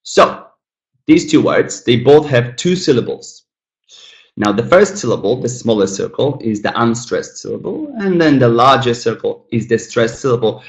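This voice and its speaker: At an ordinary pitch and normal speed, with a sing-song delivery, a man teaches English pronunciation in a recorded lesson and calls his viewers guys. He breaks words apart, stretching and exaggerating the stressed syllable while mumbling the others, and the room sounds noticeably echoey.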